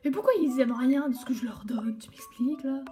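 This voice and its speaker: High-voiced chatty young woman gamer. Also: fast talker, music in the background. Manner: animated, rambling, self-talking with giggles. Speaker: gaming channel host. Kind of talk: chatty let's play commentary.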